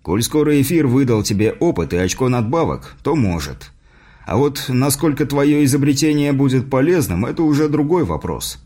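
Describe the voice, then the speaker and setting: A man voicing a patient male mentor in an audiobook, explaining things in a measured way. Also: mid-range voice, sing-song, warm tone. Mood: instructive.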